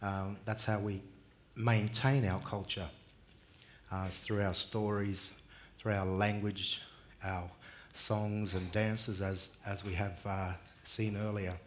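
A middle-aged man with an Australian accent speaks to a conference audience in a large indoor hall, his voice low and easygoing. He pauses often with fillers and talks in a plain, unhurried way. A headset mic picks him up, with faint background hum. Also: flat delivery. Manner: unhurried, many fillers, warm and plain-spoken. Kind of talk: relaxed conference talk.

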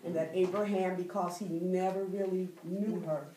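Preaching at a Bible study, a middle-aged woman calls for responses from the room and draws out key words for emphasis. Her voice is fairly low and dark with fairly even intonation, plus a little hiss or hum. A far camera without a mic records her from a distance in an echoey church library room with bookshelves.

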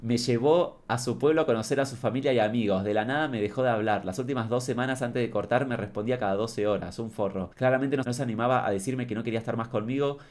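Fast-talking sassy Rioplatense man. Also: mid-range voice, darkish tone. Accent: Rioplatense Spanish. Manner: sassy, camp, quick-witted. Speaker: comedic advice host in character. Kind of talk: comedic monologue reading viewer messages.

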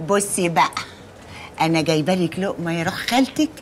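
An actress playing a loud, meddling, middle-aged working-class auntie who speaks Egyptian Arabic and trades folksy rhyming quips, in a TV comedy. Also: female voice, fairly low pitch, expressive, fast, slight background noise, lightly acted. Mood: brash. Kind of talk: TV comedy acting. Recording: TV soundtrack with music underneath.

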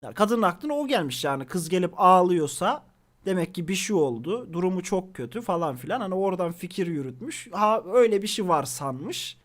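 Young male streamer with a high voice; casual, animated storyteller who swears freely. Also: a little fast.

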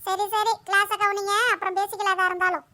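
A woman's voice: very high-pitched, flat delivery, fast, pushed and bright. A woman voicing a firm cartoon schoolteacher giving instructions to her class. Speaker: teacher. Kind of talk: cartoon voice acting.

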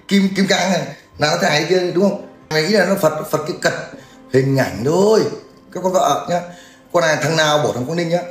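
Crude mocking man. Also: a little high. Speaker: livestreamer. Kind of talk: ranting livestream commentary. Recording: echoey room with faint music.

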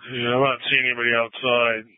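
A man's voice: mid-range voice, little pitch movement, quick pace. A man working as a patrol police officer, reporting from the field in a dry, offhand, matter-of-fact way over a police radio. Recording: tinny dry radio transmission.

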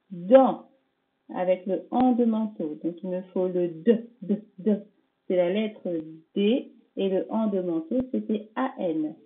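Slow, patient woman teacher on tinny audio. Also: mid-range voice. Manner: sounds out words syllable by syllable, stressing each sound; patient, checks in with the pupils. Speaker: primary school teacher. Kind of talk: recorded dictation correction for young pupils.

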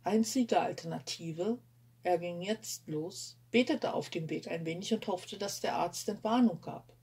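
A woman reading a novel aloud in a lively, expressive way. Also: fairly low pitch, unhurried, breathy edge. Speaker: audiobook reader.

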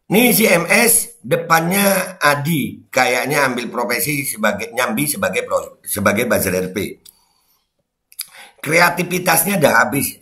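A man's voice: medium pitch, sharp tone, roomy sound. A man hosting casual commentary among friends, teasing and sarcastic, laughing often. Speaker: host of a commentary channel. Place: room shared with a small group of friends.

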